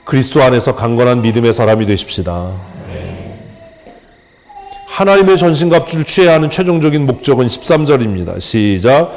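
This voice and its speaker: A man's voice: medium pitch, sing-song, brisk, darkish tone. A male pastor preaching a sermon in a colloquial, humorous way, acting out little dialogues as he goes.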